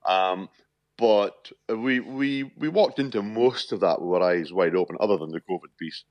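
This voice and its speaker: Shetland Scottish accent, man in his fifties, lowish voice, halting interview talk, dry close sound. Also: dry recording, dull audio. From Shetland, Scotland. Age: 50s. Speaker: interview guest. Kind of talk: conversational radio interview.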